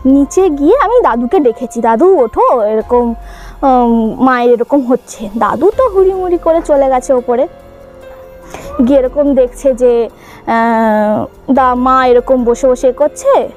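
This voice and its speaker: A woman's voice: high voice, measured pace, long pauses, a little mellow, faint music behind. A young woman recounting a childhood ghost experience in a casual, hesitant way, with many fillers and restarts. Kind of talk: casual spoken true ghost story.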